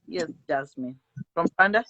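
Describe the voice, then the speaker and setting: Brisk host on dull lo-fi audio. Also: male voice, fairly high pitch, animated, a little hiss or hum. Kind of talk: interview.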